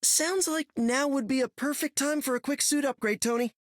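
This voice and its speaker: A man's voice: very high-pitched, moderate pace, no room sound, studio quality. A man voicing a youthful, quippy, sunny superhero in a video game, boyish and wisecracking. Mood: wry, chipper. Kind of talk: video game character acting.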